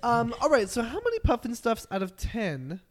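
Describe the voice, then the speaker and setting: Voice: mid-range voice, huge pitch swings, normal speed. Rambling young podcast host. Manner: rambling, heavy on fillers. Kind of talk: casual chat.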